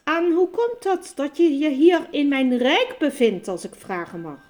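A woman's voice: animated, a little slow. A woman voicing a cold, imperious queen in an audiobook, haughty and commanding. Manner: haughty, commanding, high and loud. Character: cold, imperious queen, menacing then falsely sweet. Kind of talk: audiobook character voice.

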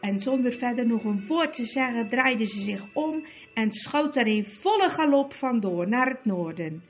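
A woman reading a storybook aloud in a measured way. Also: on the high side, expressive, breathy edge, faint music behind. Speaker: audiobook narrator. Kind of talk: storybook narration.

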